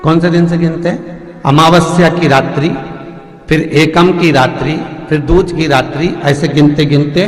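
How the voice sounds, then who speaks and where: A man's voice: on the high side, steady tone, moderate pace. Male preacher in an echoey hall. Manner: questioning the audience, counting off days. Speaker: religious storyteller preacher. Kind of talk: devotional sermon. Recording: echoey hall with music behind.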